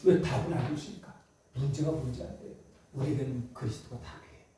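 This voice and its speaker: A man's voice: medium pitch, fast talker, background noise. A male pastor preaching a Sunday sermon in a church sanctuary, emphatic and full of rhetorical questions to the congregation. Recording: echoey church hall from far off.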